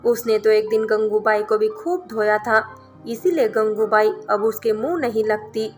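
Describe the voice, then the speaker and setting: A woman's voice: on the high side, steady tone, moderate pace, faint music behind, natural voice. Woman reading as a blunt orphan young man.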